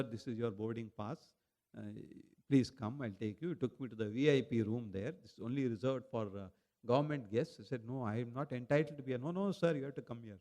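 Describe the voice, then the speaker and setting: A man giving a devotional talk at a spiritual retreat, telling personal stories in a conversational way and chanting verses slowly before explaining them. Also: fairly high pitch, a little mellow. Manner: conversational storytelling with fillers like "you know". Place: retreat hall.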